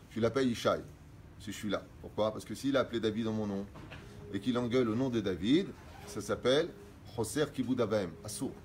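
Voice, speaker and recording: A middle-aged man, a rabbi, teaching religious law and explaining quickly read Hebrew sources in French. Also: medium pitch, a little hiss or hum.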